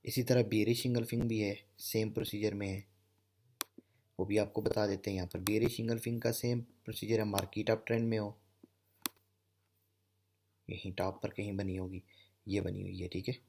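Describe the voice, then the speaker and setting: A man's voice: lowish voice, little pitch movement, normal speed, pauses often, darkish tone, a little hiss or hum. A man teaching candlestick chart patterns over a screen recording, explaining step by step and often checking in with "okay". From Pakistan. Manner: explanatory, repeats "theek hai" often. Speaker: trading instructor. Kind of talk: screen-share trading lesson.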